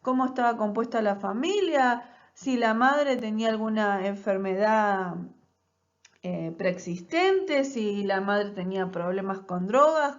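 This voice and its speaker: A woman's voice: fairly high pitch, muffled recording. A woman teaching a recorded nursing class, explaining step by step and often checking in with rhetorical questions. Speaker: nursing lecturer.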